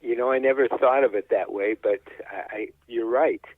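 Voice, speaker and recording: This older man, interviewed about being a high school sports announcer, speaks casually at medium pitch and a moderate pace. He comes across as plain-spoken, folksy and hesitant, and the audio is slightly dull with no echo.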